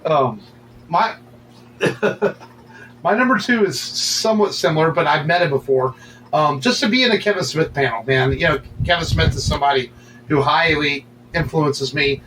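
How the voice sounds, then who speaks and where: A man's voice: on the high side, normal speed, a bit bright, a little hiss or hum, poor audio. A man co-hosting a casual podcast chat, rambling with many fillers and restarts. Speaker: podcast co-host.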